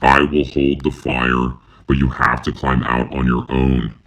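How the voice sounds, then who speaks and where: A terrifying fire-filled monster snarls harsh orders. The growl sits extremely low and drags slowly, sounding inhuman. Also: male voice, flat delivery, fairly bright tone, exaggerated voice. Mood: snarling commands. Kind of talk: audiobook narration.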